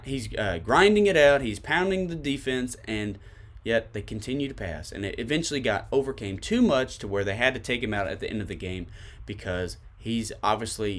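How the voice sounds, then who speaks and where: A man with a low-leaning voice and a Tennessee accent hosts a sports podcast, delivering emphatic commentary to his listeners and repeating his points for emphasis.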